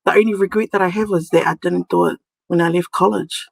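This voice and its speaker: Creaky-voiced woman with a Samoan New Zealand accent. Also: fairly low pitch, steady tone, fast, no echo, studio quality. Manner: giggly, informal. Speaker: podcast guest, community nurse. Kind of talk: casual conversational storytelling.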